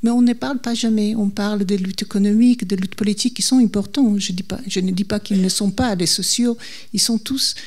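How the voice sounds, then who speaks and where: Female speaker, foreign accent in French, non-native, creaky voice, medium pitch, halting delivery, public lecture. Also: fairly even intonation, a little mellow. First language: not French. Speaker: guest speaker, legal historian. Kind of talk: public lecture in answer to a question.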